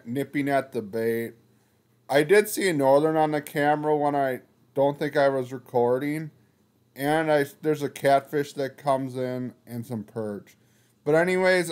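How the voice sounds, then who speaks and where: Young male fishing vlogger, casual voice-over, rambling, mid pitch. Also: a little mellow. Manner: rambling, with frequent restarts over product names. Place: outdoors on a frozen lake, windy.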